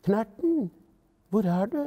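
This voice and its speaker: A man's voice: high-pitched, big pitch swings, mellow, long reverb tail, voice pushed up. A man voicing a timid little boy. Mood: worried. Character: small shy young boy.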